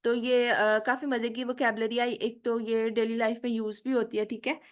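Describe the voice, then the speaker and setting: Hindi-speaking woman teaching English slowly. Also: on the high side, level tone. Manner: frequent "theek hai?" check-ins and "uh" fillers; slow, careful enunciation of English example words. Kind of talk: online spoken English lecture.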